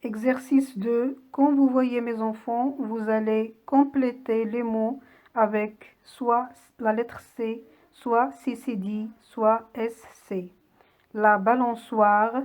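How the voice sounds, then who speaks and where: A woman teaching young children a reading lesson, saying each word slowly and clearly and patiently breaking it into syllables. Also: on the high side, a little mellow. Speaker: primary school teacher. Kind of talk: slow classroom lesson read-aloud.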